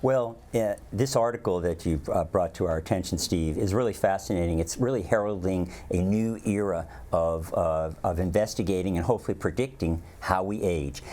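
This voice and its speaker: A man who is a geriatric medicine doctor, giving measured expert commentary. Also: low voice, mellow. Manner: measured, explanatory, with fillers.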